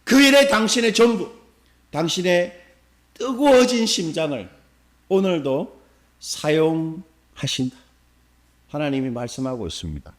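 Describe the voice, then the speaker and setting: Lively high-voiced male pastor preaching. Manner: asks the congregation questions and answers them himself; acts out scolding lines in quick bursts. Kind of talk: sermon. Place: church sanctuary.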